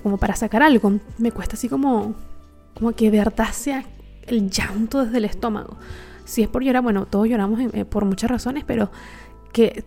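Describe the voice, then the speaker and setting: A woman's voice: a little high, warm tone. A woman telling a personal story to her viewers, reflective and confiding, with many fillers. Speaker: vlogger.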